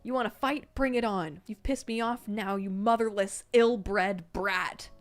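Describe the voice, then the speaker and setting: A woman's voice: medium pitch, a little slow, soft background music, voice pushed up, close to an everyday voice. A woman reading aloud, voicing a bratty, arrogant teenage boy bully in a sneering, combative way. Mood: enraged.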